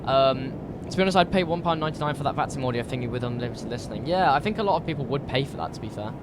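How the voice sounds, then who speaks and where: British male streamer, a little croaky with a cold, chatty and informal over clear rumbling background noise. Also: expressive, racing. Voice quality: slightly croaky. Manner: chatty, informal, thinking aloud. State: recovering from a cold. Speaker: live streamer. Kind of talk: casual live stream chat while flight simming.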